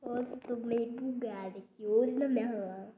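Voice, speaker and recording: A woman with a Brazilian Portuguese accent giving casual gameplay commentary, excitable and swearing casually as she talks to viewers. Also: on the high side, a little slow, highs cut off, slight background noise. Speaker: gaming YouTuber.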